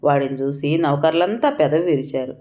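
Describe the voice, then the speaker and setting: This is a woman with a low voice, narrating an audiobook story. She reads with feeling and gives the characters' pleas and cries her own emotional delivery. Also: normal speed, warm tone.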